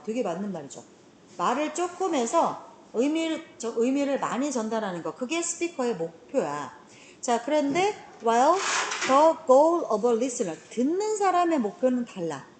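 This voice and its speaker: A woman teaching a high school class, explaining an English reading passage and now and then scolding students for dozing off. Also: a little hiss or hum. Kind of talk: classroom lecture.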